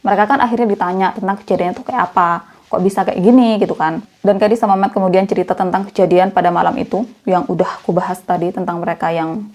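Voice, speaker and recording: A woman's voice: on the low side, a little mellow. A young woman narrating a true crime case in a chatty, conversational way, as the channel's storyteller.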